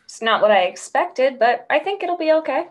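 A woman's voice: high voice, expressive, normal speed. A woman reading a shy young guitarist. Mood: embarrassed. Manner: reserved, brushing off teasing. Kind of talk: script read-through.

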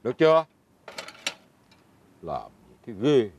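A man's voice: mid-range voice, huge pitch swings, takes it slowly, gravelly, a little mellow, lo-fi sound, a little hiss or hum, exaggerated voice. A man with a Southern Vietnamese accent playing a poor, easygoing old fisherman who chuckles and hesitates as he talks. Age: older. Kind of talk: fairy-tale drama acting.

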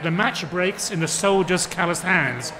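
A man's voice: sits high, a little slow, crowd noise. A man on a book fair panel reading his translated excerpt aloud and explaining it, voicing the characters' lines as he goes. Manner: acts out the characters' lines in shifting voices.

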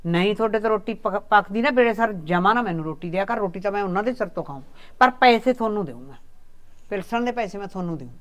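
A woman's voice: a little high, lively intonation, fast, pushed and bright. A woman playing an elderly village mother in a comedy drama, speaking with a Malwai Punjabi accent, insistent and defensive. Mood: coaxing. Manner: insistent, exclaiming, coaxing with her sons.

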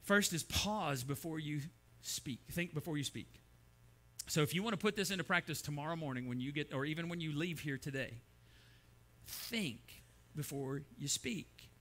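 Bright, high-voiced storytelling pastor. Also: male voice, brisk. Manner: storytelling, acts out voices in his anecdotes. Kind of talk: sermon. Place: church sanctuary.

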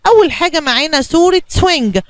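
A woman's voice: high-pitched, expressive, fast. A woman with an Egyptian Arabic accent teaching young children, coaxing them along and answering her own questions. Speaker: kindergarten teacher. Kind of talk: bilingual classroom lesson for young children.

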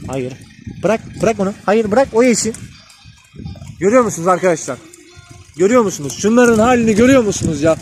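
A man's voice: high-pitched, expressive, fast, pauses often, low-quality recording. A man on a rural dirt road, emotionally pleading and calling to stray dogs, filmed on a handheld phone. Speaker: vlogger. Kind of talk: outdoor vlog feeding stray dogs. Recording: loud outdoor noise behind.

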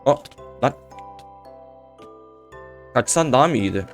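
A young man casually commentating his own gameplay, excitable and repeating words in quick bursts. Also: mid-range voice, gravelly, soft background music. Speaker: gaming YouTuber.

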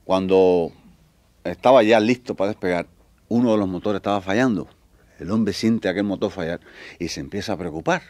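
A man's voice: deep voice, brisk, a little mellow, no echo. A man telling jokes to a live audience, acting out each character's lines. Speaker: stand-up comedian.

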